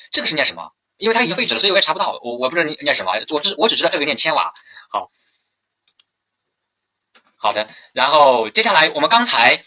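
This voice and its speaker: Fast, bright-voiced male lecturer. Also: mid-range voice, husky, lo-fi sound. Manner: lively lecturing, many rhetorical questions and fillers. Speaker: Chinese language teacher. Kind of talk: recorded lecture for teacher certification exam.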